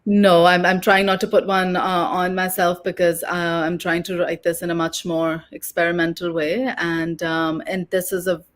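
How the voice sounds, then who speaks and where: A woman author and oral historian answering interview questions in a measured, reflective way, slightly hoarse and pausing with fillers. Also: fairly low pitch, flat delivery. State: losing her voice.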